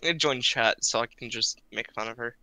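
A man's voice: mid-range voice, normal speed, bright, forceful tone, rough recording. A man chatting casually while playing a video game, joking dryly and mocking himself. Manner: dry, self-mocking humor. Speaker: streamer. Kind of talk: casual gaming chat.

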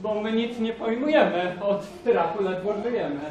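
A man's voice: high-pitched, moderate pace, a little mellow, lightly acted. A man playing a skeptical, teasing shepherd in a school nativity play. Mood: pleading. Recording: echoey hall, distant mic, faint noise.

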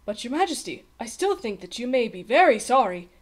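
A woman's voice: on the high side, big pitch swings, a little fast. A woman voicing an earnest young page boy in a storybook, polite and deferential but anxious and frank. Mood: reluctant, worried. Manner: deferential, pleading, gasping. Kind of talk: storybook character voice.

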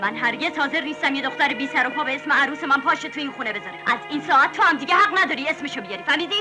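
A woman's voice: high-pitched, expressive, music in the background. A woman playing a domineering wealthy mother in a dubbed 1970s film, commanding and scornful.

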